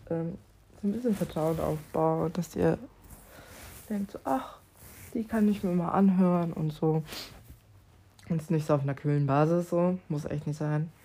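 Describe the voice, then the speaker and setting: Woman, vlogger, rambling monologue, dreamy and drifting, mellow low voice, soft whispers at times. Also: gravelly. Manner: drifting, dreamy, thinks aloud, often drops to a soft whisper.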